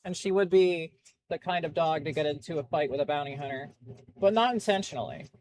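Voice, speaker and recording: A woman making props, chatting casually as she paints at her home workshop desk and slipping into high baby talk with her dogs. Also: a little fast, a little mellow. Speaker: prop maker. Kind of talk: casual chat while painting. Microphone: phone used as webcam.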